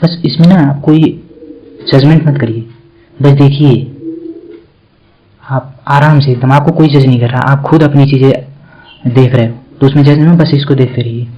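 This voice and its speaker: A male coaching teacher delivers a motivational lecture, talking straight to his viewers in a loose, conversational way. His voice sits at an ordinary middle pitch. The recording is a little dull and lo-fi. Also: fairly even intonation, normal speed, long pauses. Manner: conversational, addresses viewers directly with repeated fillers. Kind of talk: motivational lecture to exam aspirants.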